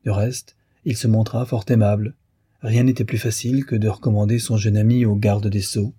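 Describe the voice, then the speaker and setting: A man narrating an audiobook of a classic novel in a measured, even storytelling manner. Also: lowish voice, husky, dry recording, clean studio sound.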